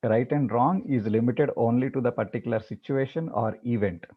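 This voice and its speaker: A man explains ideas to his meditation group before guiding them into practice. He speaks haltingly, repeating words and filling pauses, at an ordinary middle pitch. The recording sounds a little dull and lo-fi. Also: husky. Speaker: meditation teacher. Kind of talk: talk before guided meditation.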